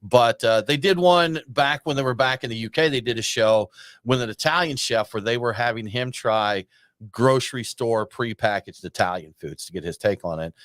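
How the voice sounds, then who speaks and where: A man's voice: on the low side, a bit bright, no echo. A man from Georgia co-hosting a casual podcast chat, telling stories and teasing his co-host. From Georgia, USA. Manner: chatty storyteller, teasing.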